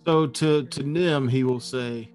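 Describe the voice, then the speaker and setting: A man narrating a tabletop fantasy game as game master, improvising in a halting way with dramatic pauses. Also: medium pitch, a little mellow, faint music behind.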